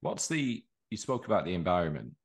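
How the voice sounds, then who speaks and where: A man's voice: deep voice, sing-song, fairly quick. A man hosting a podcast and interviewing a guest in a conversational way, with frequent restarts. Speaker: podcast host.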